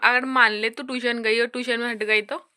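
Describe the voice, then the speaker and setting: A woman chats through a casual home cooking vlog in a bright, slightly high voice, teasing herself as she goes. She is filmed on a phone in a roomy home kitchen, with a faint hum of noise behind her. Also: level tone, fairly quick. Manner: chatty and self-teasing, laughs at herself. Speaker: vlogger.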